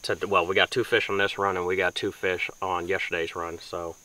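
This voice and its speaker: Sitting in a small boat on a river, a young fishing vlogger talks casually to camera in folksy, informal phrasing. His low voice is brisk, sharp and level, caught by a camera mic at close to mid distance in a low-quality recording with faint outdoor noise and insects.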